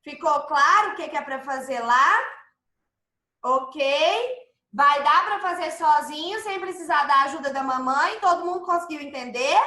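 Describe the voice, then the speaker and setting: A patient woman teaching Brazilian primary schoolchildren remotely explains a workbook exercise, speaking slowly in a high, bright voice with a Brazilian Portuguese accent. She often checks whether the kids are following and calls herself their "tia." The echoey room gives her voice a slight ring.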